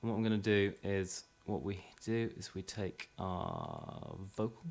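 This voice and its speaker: With a deep, darkish voice full of vocal fry and wildly swooping pitch, a man presents an informal music software tutorial. He speaks a little slowly and slightly hesitantly, explaining each step over drum and music playback.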